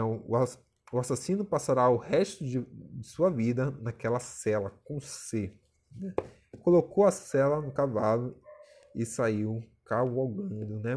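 A man's voice: mid-range voice, darkish tone, breathy edge. A young man teaching a recorded video lesson, chatty and full of rhetorical questions and tag questions.

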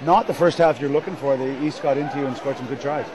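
Guy doing quick post-game interviews outside a stadium, crowd chatter behind him. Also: medium pitch. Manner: brisk, chatty questioning. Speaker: host and interviewer. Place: outdoor stadium, post-match.

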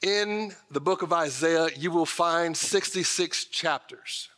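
The reverberant hall sound of a large indoor church auditorium surrounds a middle-aged American pastor preaching from the stage. He addresses the congregation directly, emphatic yet conversational, with folksy asides. His voice is a little high and sharp in tone, and his pace is slow.

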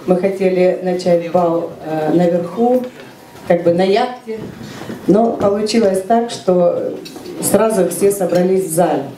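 A woman's voice: fairly low pitch, a little slow, warm tone. A woman making an informal announcement from a stage as an event organiser, addressing guests. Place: indoor stage at a banquet. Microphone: handheld microphone, filmed from the audience. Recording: echoey room, distant, clear background noise.

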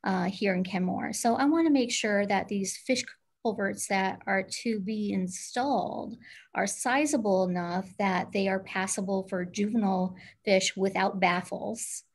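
A woman city council member asking measured, earnest questions in a meeting over a video call. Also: medium pitch.

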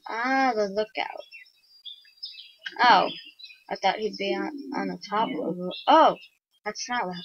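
A woman quietly thinking aloud while playing a video game, in casual commentary on a dull lo-fi recording. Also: medium pitch, slow pace, long pauses, no room sound. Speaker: gamer.

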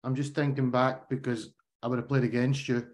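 A man's voice: medium pitch, flat delivery, fairly quick. A man hosting a podcast, asking friendly questions and reminiscing with his guest. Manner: chatty, prompting questions, reminiscing. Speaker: podcast host. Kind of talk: casual interview.

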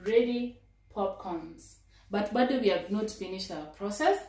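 A woman's voice: mid-range voice, expressive, unhurried, a little mellow, roomy sound. Young woman talking to her viewers. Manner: addresses viewers as "guys", mixes Swahili into English. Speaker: cooking vlog co-host. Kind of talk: casual cooking demonstration. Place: home kitchen, indoors.

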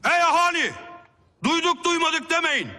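A man's voice: very high-pitched, lively intonation, loud music behind the voice. A middle-aged man acting as an Ottoman town crier, calling out formal proclamations in a period drama. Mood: solemn proclaiming. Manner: town crier's loud, drawn-out public proclamation.

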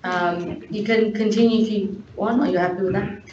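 A woman chairing a council committee meeting, brisk and directive. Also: mid-range voice, steady tone. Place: council chamber. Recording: echoey, dull room recording with noise.

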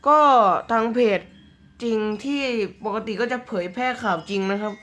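A man chatting casually through mobile game news, joking around and reading out English slowly word by word. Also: high-pitched, fairly bright tone. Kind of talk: casual commentary.

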